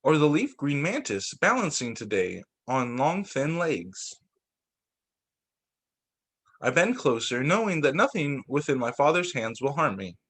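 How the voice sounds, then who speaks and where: A teacher reads aloud to young children in a slightly high, husky male voice, taking his time. His storybook reading is expressive, marked by the odd stumble and a re-read phrase.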